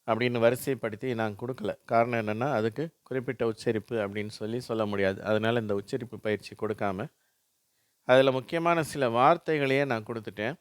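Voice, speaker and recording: A man's voice: medium pitch, smooth, no echo, clean studio sound. A man teaching English phonics, reading single words aloud for learners to repeat. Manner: slow, drilling words with a pause after each.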